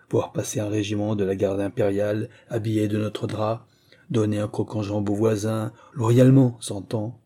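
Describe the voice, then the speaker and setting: A man's voice: fairly low pitch, warm tone. A man doing a shrewd old cloth merchant. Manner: exclaiming, lecturing.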